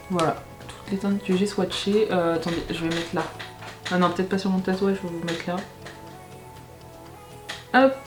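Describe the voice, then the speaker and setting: A woman's voice: mid-range voice, darkish tone, roomy sound. A young woman vlogger chatting casually through a makeup unboxing, often restarting and correcting herself mid-sentence. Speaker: beauty vlogger.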